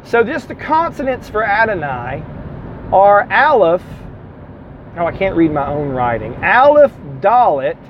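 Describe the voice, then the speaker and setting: A man's voice: high voice, muffled recording, a little hiss or hum. A man with a Southern US accent giving a classroom lecture on the Bible, explaining step by step, spelling out letters and correcting himself as he goes. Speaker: Bible teacher.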